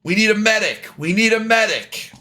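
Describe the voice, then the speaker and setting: A man voicing a panicked male bandit who shouts in alarm for a medic, in a tabletop game. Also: high voice, lively intonation, normal speed, voice pushed up.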